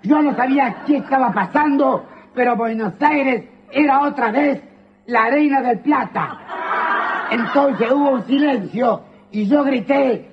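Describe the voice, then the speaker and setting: A man's voice: very high-pitched, unhurried. A man telling a comic monologue, acting out the people he quotes, while an audience laughs. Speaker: comedian doing a monologue. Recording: dull archive recording with loud hiss.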